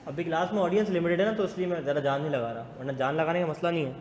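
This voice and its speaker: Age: adult. Quality: echoey classroom. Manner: fast-talking teacher. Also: male voice, a little high, a little mellow. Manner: fast-talking, teasing, mixes English into his speech. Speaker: business law teacher. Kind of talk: classroom lecture. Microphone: not using the class mic. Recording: echoey classroom with long reverb and faint noise.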